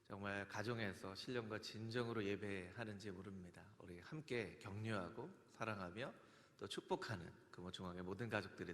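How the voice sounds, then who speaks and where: A man's voice: on the low side, fairly bright tone. A man preaching as pastor, leading the congregation through greetings and scripture recitation in an earnest sermon style. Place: church sanctuary. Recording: long church hall reverb.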